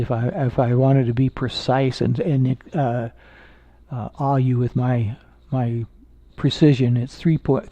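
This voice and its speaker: Gravelly-voiced man chatting on a live stream. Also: mid-range voice, dry recording, lo-fi sound. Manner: relaxed, halting, with many fillers and restarts. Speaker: amateur astronomer streaming live. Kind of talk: casual live-stream chat with viewers. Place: indoors at home.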